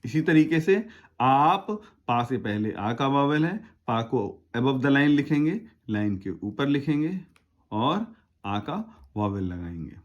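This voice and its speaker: A man's voice: medium pitch, very animated, slow, dull audio. A man teaching shorthand in a tutorial, patiently spelling out words syllable by syllable. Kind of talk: step-by-step tutorial explanation.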